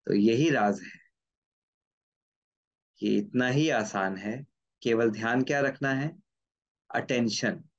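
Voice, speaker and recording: A man's voice: medium pitch, slow pace, pauses often. A man lectures as a neurologist, posing questions aloud and answering them himself. He returns to his key points again and again. The recording sounds a little dull and lo-fi. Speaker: neurologist giving a talk. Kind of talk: explanatory lecture.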